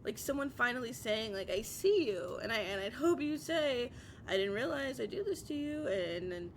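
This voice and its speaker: A woman voices a heartbroken, obsessive young woman in an intimate audio roleplay, her fairly high, natural voice lively in intonation and normal in speed. Raw with emotion, she stammers and repeats herself, pleading with a partner in a wounded tone, over some noise and a low rumble.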